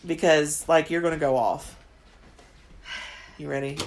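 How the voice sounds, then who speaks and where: Low-voiced woman co-host, teasing. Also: steady tone, unhurried, slight background noise. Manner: teasing, repeats words, laughs often. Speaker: podcast co-host. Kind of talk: casual chat.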